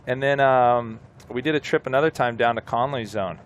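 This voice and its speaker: A man co-commentating a surf contest in casual chat, with relaxed surfer slang. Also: mid-range voice, moderate pace, lo-fi sound. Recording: outdoor background noise.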